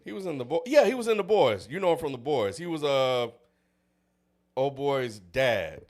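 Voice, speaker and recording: A man's voice: mid-range voice, moderate pace. A man co-hosting a casual podcast, reading out listener questions from the chat and chatting loosely. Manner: relaxed, reads out listener questions.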